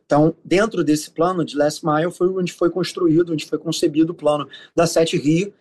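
A man with a Carioca Brazilian accent giving explanatory interview answers as a city official, often pausing and repeating filler sounds as he searches for words. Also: on the high side, fairly even intonation, a little mellow. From Rio de Janeiro, Brazil.

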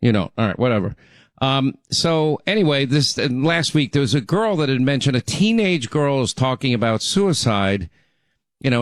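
A middle-aged man with a mid-range voice hosts a talk radio show, delivering a casual, chatty, rambling monologue with frequent restarts. His voice is still recovering from laryngitis, and the clean studio recording has no echo.

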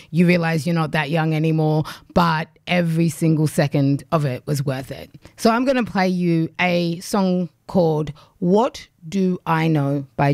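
A woman's voice: deep voice, a little mellow, dry recording, clean studio sound. A woman radio host, raised in Australia with Ugandan roots, chatting in a loose, rambling way between songs.

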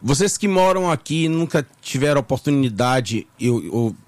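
A man's voice: medium pitch, lively intonation, normal speed. A man from Bahia, Brazil, talking as a tax lawyer guest on a radio morning show, chatty and full of fillers and repeats. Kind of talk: casual radio interview. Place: radio studio.

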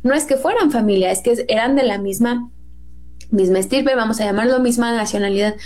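A woman's voice: a little high, a little fast, a little mellow. A Mexican woman with a Mexican Spanish accent in a casual Bible discussion, chatty and acting out quotes in a raised voice.

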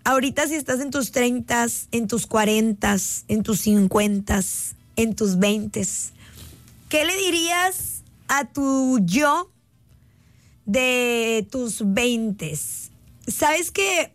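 Her voice on the high side and her intonation lively, a Mexican radio host in her late twenties shares a casual, heartfelt reflection with listeners, drawing out key words. The recording is dry, captured through a phone app mic.

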